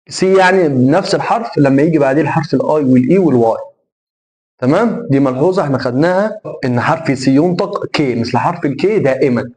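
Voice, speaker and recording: A man's voice: medium pitch, darkish tone. Egyptian man drilling English sounds. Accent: Egyptian Arabic. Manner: repeats example sounds slowly, asks questions and answers them himself. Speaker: English pronunciation teacher. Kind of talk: phonetics lesson.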